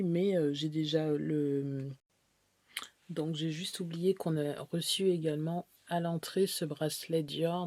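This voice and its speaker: A woman's voice: low-pitched, a little mellow, no echo. A woman beauty vlogger chatting through a haul video, rambling and hesitant as she shows items one by one.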